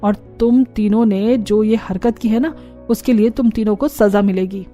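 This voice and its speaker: A woman with a warm, medium-pitched voice close to everyday speech talks at normal speed, with faint music in the background. She voices a strict, suspicious middle-aged mother-in-law in a cartoon family story, scolding and interrogating as she questions.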